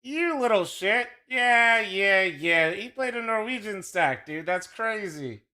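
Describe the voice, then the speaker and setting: High-pitched, bright and forceful, with lively intonation but a slow pace, this young man's voice carries his casual livestream chat as he co-streams an esports match. He's profane, rambling and keeps teasing a friend.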